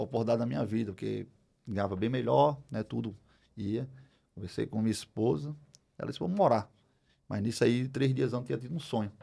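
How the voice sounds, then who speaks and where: A middle-aged Brazilian man telling a personal story as a podcast guest, animated, acting out the dialogue as he goes. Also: fairly low pitch, vocal fry, husky. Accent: Brazilian Portuguese. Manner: animated, acts out dialogue, many fillers. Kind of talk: storytelling in a casual interview.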